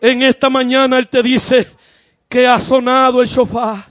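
A man with a Caribbean Spanish accent preaches in a strikingly high voice, drawing his words out slowly. He calls out and shouts with fervor, repeating phrases to his congregation. His delivery is that of a pastor in full sermon. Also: little pitch movement, no echo, clean studio sound.

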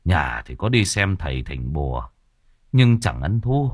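A man narrating an audiobook story in an expressive way. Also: very deep voice, unhurried, slightly rough, dry recording, clean studio sound. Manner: expressive, acts out characters.

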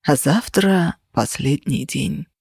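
A narrator voicing a mocking, menacing young man who threatens softly and sneers, in an audiobook. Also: on the high side, creaky, slightly rough, no echo, studio quality, voice pushed down, heavily acted. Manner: sneering, quiet and unhurried threats. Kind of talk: audiobook character voice.

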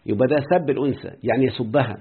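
A man with an Egyptian accent gives a quick classroom grammar lesson, repeatedly asking his students whether they understand. His voice is husky and breathy, and it comes through a narrow, phone-like recording. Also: medium pitch. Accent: Egyptian Arabic. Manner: quizzes students often with rhetorical questions. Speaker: Arabic grammar teacher. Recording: muffled phone-like lo-fi audio.

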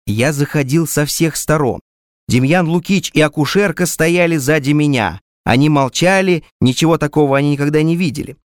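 A man narrates a literary story in a measured, wry first-person manner. His voice sits somewhat higher than most men's. The close recording is completely dry. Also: dry recording. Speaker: audiobook narrator.

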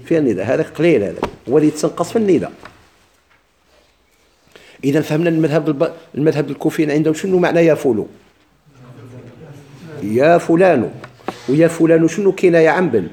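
Teaching Arabic grammar from a text, this Moroccan-accented man poses questions, answers them himself, and goes over examples again. His voice is a little high and mellow, lively in intonation, and he speaks fast but pauses often.

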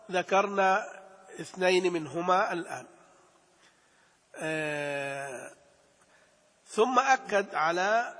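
A man teaching a lesson on Quran recitation, slowly explaining and repeating key phrases, chanting verses. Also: sits high, sharp tone, husky, long reverb tail. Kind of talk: religious lesson on tajweed.

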